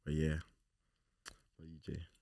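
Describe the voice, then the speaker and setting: A man's voice: rumbling low, monotone, unhurried, gravelly, dark tone, no echo, far from the mic. A young man, a podcast guest chatting casually and slangily, often acting out what people say. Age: 20s. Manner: laid-back, slangy, acts out quoted remarks. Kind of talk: casual group chat.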